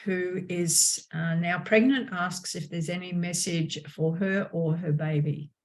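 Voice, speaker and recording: A woman from Australia co-hosts a spiritual Q&A, reading out audience questions. She speaks slowly and softly with hesitant pauses. Her voice sits somewhat low. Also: steady tone. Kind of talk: spiritual Q&A talk.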